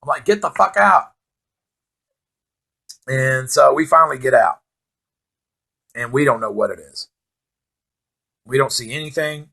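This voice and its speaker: Swearing nonstop, a middle-aged man tells a loose, wandering story in a mid-range voice that's gravelly, slightly raspy and sharp in tone. He moves at a normal, casual speed, leaves long pauses, and laughs at his own tale now and again.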